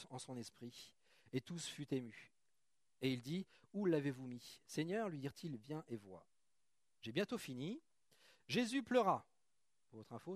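Male preacher, slightly high voice, dry sound; reads scripture, then chatty asides to the congregation. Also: a little mellow, dry recording. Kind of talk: sermon with Bible reading. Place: church.

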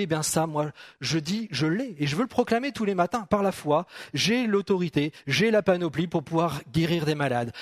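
A man's voice: fairly high pitch, dry recording, studio quality. A man preaching an informal sermon, reading Bible verses and talking chattily with his congregation, often repeating phrases. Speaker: pastor.

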